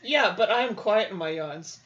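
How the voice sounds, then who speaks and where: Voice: medium pitch, expressive, moderate pace, fairly bright tone. A podcast co-host in casual chat who teases with dry jokes, on dull lo-fi audio.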